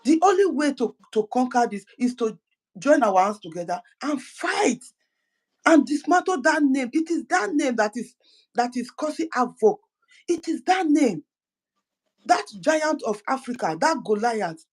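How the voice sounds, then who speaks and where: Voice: sits high, very animated, measured pace, slightly rough, poor audio. A speaker gives an impassioned political address as an activist, fervent and full of repeated words and restarted phrases.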